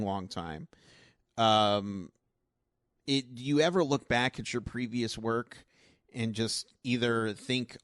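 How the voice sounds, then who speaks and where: A man's voice: lowish voice, a bit bright, no echo, studio quality. A man hosting a podcast, asking long, rambling questions and laughing along with his guest. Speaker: podcast host. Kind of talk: podcast interview.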